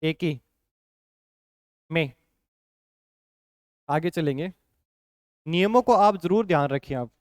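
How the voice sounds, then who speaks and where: A man's voice: a little high, lively intonation, slow, pauses often, clear, resonant tone, no room sound, studio quality. A man teaching a shorthand lesson, explaining patiently and often checking in with his students. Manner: patient, repeats points with frequent "ठीक है" check-ins.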